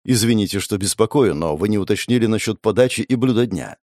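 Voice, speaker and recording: A man's voice: on the low side, lively intonation, quick pace, a little mellow, no echo, studio quality. A man reading a polite young waiter. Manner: polite, formal.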